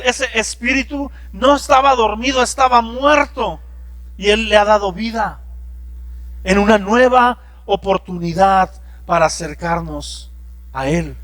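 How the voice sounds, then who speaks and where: High, bright-voiced pastor preaching. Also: male voice, no room sound. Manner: conversational preaching with personal anecdotes. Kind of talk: sermon.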